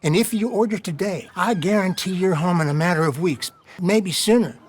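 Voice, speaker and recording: Brief: a slick, chummy frontier salesman with a high voice. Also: moderate pace, breathy edge. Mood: salesy. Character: slick male house salesman, chummy and smooth-talking. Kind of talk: video game voice acting.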